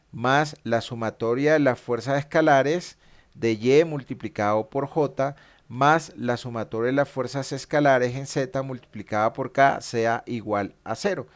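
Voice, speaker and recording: A man teaching a statics class, explaining equations patiently and stopping to correct his own mistakes. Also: mid-range voice.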